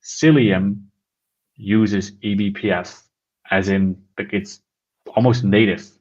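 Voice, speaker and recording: A lower-pitched man talks through a casual tech conversation with eager enthusiasm. He rambles and restarts his sentences as he goes. The recording sounds a little dull and lo-fi. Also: steady tone, takes it slowly, darkish tone. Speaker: podcast co-host.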